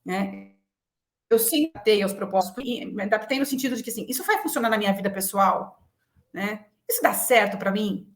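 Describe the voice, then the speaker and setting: Speaking a little fast and animated, with a medium pitch, this woman is a Brazilian executive in her forties giving a conversational interview. She talks about herself with frank confidence and keeps dropping short check-in tags. Echo fills the roomy recording.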